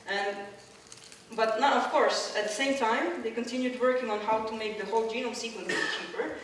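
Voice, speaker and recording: This Croatian woman talks fairly quickly in a slightly high voice during a public science lecture with slides. She explains as she goes, frequently using fillers and restarting. Her voice reaches a distant mic in a strongly echoing hall over a faint room hum.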